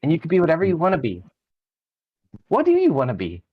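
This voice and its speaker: A man's voice: a little high, wildly swooping pitch, quick pace, slightly rough, narrow, tinny audio, pitched above the performer's own voice, full character voice. A man voicing an obsessive, possessive villain in a tabletop game, menacingly reassuring like a slasher killer. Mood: possessively tender. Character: obsessive otherworldly male villain, possessively promising happiness. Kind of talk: tabletop role-play.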